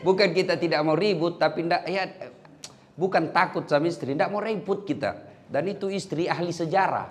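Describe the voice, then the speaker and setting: A man's voice: fairly high pitch, moderate pace, a little hiss or hum. A man preaching a humorous sermon who tells jokes and stories and acts out the lines of the people in them. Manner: joking, storytelling, acts out quotes. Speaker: Islamic preacher.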